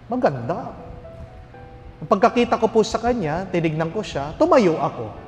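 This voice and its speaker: A man, a priest, giving a lively homily full of stories, jokes and rhetorical questions. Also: sits high, moderate pace, lo-fi sound. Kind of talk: homily with storytelling. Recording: reverberant hall with faint music.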